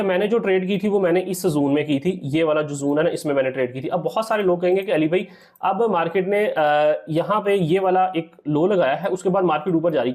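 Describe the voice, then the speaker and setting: A man, explaining a trading strategy over a screen recording, often checking in with "theek hai" and calling viewers "sir". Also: sits high. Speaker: trading teacher.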